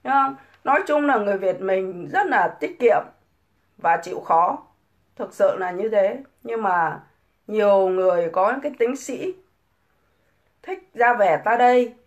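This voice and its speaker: A woman's voice: medium pitch, animated, measured pace, dull audio. A middle-aged woman ranting scornfully on a casual livestream, full of mocking rhetorical questions. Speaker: livestream host.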